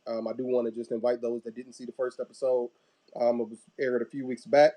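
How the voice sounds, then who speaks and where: A man hosting an online church talk show, chatting casually over a video call with relaxed, rambling talk and many fillers. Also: mid-range voice. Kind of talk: casual live-stream chat.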